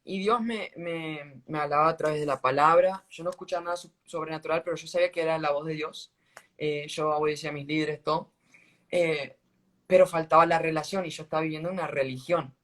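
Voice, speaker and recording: A man giving a casual faith testimony on a live stream, earnest and halting, restarting his sentences often. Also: a little high, fairly even intonation, fairly bright tone. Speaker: guest sharing a faith testimony. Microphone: phone on a live video stream.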